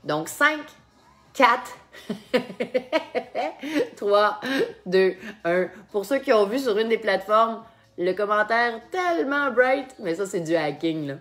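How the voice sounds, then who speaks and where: A woman's voice: medium pitch, expressive, slow, pauses often. A woman with a Québécois French accent hosting a wine tasting game in casual live chat, laughing often and repeating words while she thinks.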